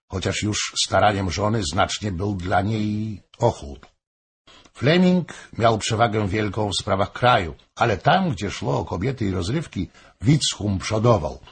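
A man reading a historical novel aloud in measured narration. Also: fairly low pitch, vocal fry, slightly rough. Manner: measured storytelling. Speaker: audiobook narrator. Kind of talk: scripted narration.

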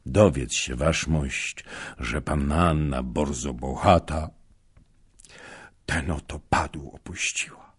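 A man voicing a grieving old soldier, talking slowly and heavily through tears. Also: rumbling low, slightly rough, full character voice. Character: grieving old male soldier, tearful and grave.

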